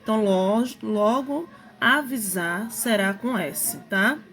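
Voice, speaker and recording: A woman teacher talks slowly through a grammar lesson at a mid-range pitch. She repeats each point patiently and keeps checking that her students follow. Faint music plays softly behind her. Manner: patient, repetitive explaining, checks understanding with "tá?".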